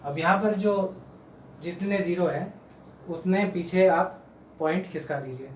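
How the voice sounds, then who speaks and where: A patient male teacher walks children through a math lesson, saying each number slowly and more than once. His voice sits a little high and reaches the mic from across a roomy space at home. A faint hum runs underneath. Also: recorded from a distance. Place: room at home.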